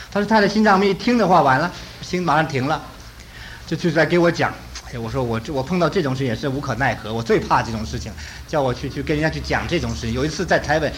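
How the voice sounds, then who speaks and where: A man preaching and telling a story in an animated way, acting out the dialogue. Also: fairly high pitch, slight background noise, low-quality recording. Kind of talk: sermon storytelling.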